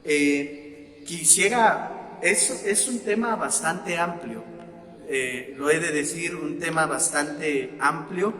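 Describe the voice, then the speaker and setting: A man with a Mexican Spanish accent, a parish priest giving a sermon-style talk to his congregation, pausing often on fillers and repeating words. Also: a little high, roomy sound, long reverb tail. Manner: slow and deliberate, with frequent fillers and repeated words.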